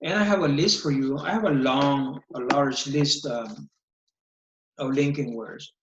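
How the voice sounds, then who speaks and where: A man's voice: mid-range voice, unhurried, noisy background. A male teacher giving an online English lesson, explaining patiently step by step, his voice captured in a screen recording of a video call. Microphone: computer mic on a video call. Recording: echoey, dull video-call audio.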